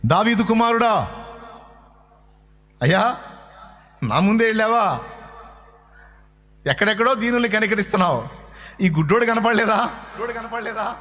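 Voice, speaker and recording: A man's voice: very high voice, brisk, long pauses, bright, forceful tone, slightly rough, voice pushed up, full character voice. A man voicing a desperate blind male beggar who keeps crying out and pleading. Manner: pleading, repeated cries.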